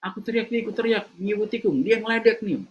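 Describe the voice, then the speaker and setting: A man giving a lively religious motivational talk, telling stories and shouting out the voices of their characters. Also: quick pace, slight background noise. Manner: animated storytelling, acting out voices in a high shout. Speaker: preacher. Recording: slightly dull lo-fi recording.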